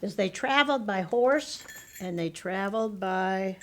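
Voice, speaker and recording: An older woman tells a children's story in the manner of a grandmotherly elder. She speaks slowly at a middling pitch, often stepping out of the tale to explain things to her young listeners or to correct herself. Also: noisy background. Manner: elder telling a story, unhurried, with explanatory asides and self-corrections. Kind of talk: informal read-aloud storytelling for children.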